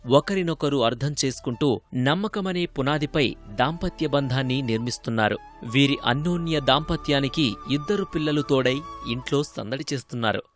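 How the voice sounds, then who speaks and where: Male feature narrator, mid pitch, formal studio read over soft music. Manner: measured and formal. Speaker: news reporter. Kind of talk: scripted news narration.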